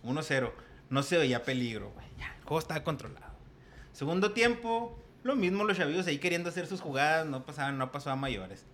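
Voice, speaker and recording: A man with a Mexican Spanish accent, telling a story in a slangy, animated way while co-hosting a casual chat. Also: fairly high pitch, fast, a little hiss or hum.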